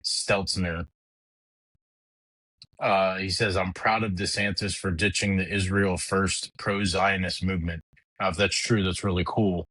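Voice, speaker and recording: A middle-aged man with a very low, deep voice rants on his podcast. He talks bluntly and heatedly, swears freely and often restarts his sentences. The sound is dry and close, with almost no room around it. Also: flat delivery, a little slow, fairly bright tone, no room sound, rough recording. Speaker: podcast host. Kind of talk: casual political rant.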